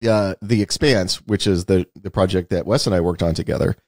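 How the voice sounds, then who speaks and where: On his casual podcast, a middle-aged American man who writes screenplays and books rambles dryly and swears offhandedly. The recording is dry, and his slightly mellow voice sits low and moves a little fast.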